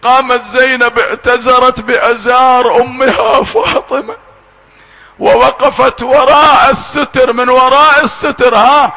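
A man with a very high voice preaches and chants a mourning lament. His tone is bright and forceful. He moves from brisk talk into slow, stretched-out chanting and now and then rises to a shout. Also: steady tone, poor audio. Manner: switches between quick speech and slow drawn-out chanting, sometimes shouting.

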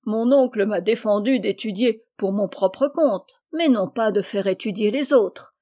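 A woman reading a storybook aloud and voicing an eager, warm-hearted little girl who turns bossy when playing teacher. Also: mid-range voice, unhurried, close to an everyday voice.

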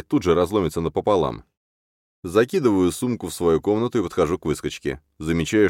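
A man reads a first-person audiobook in a sardonic, brash and crude manner. His voice sits very low. The recording is close and dry, with no trace of room echo. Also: darkish tone. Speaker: audiobook narrator.

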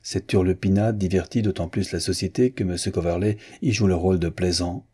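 Male audiobook narrator reading an old novel, deep mellow voice, kinda husky, steady. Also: a little fast. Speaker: audiobook reader. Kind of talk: scripted narration of a classic novel.

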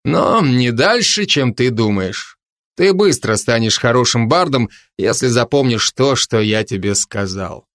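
A man voicing a wise, sly old bard teaching his apprentice in a slow, instructive way. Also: mid-range voice, lively intonation, a bit bright, no echo, clean studio sound.

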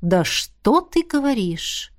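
A woman reading the part of a mocking, grumbling male master of dark magic in a fantasy audiobook. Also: mid-range voice, lively intonation, normal speed, no room sound, studio quality, close to an everyday voice. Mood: low, sly.

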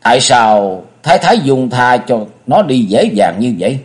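A man's voice: mid-range voice, sing-song, lightly acted. A man voicing a loyal, worried middle-aged woman servant in a storybook reading. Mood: resentful. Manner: hurried, worried.

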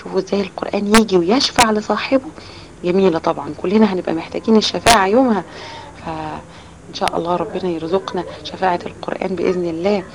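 Egyptian woman, children's teacher; brisk, questioning delivery; noisy recording with clicks. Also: fairly low pitch, creaky. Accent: Egyptian Arabic. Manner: explains with many rhetorical questions. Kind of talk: storytelling lesson for children. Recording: loud background noise with clicks.

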